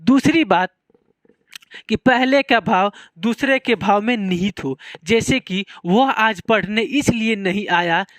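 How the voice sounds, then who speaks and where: High-voiced Bihari Hindi teacher. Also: male voice, slow pace, a bit bright, no echo. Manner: repeats key points, asks and answers own questions. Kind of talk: classroom lecture.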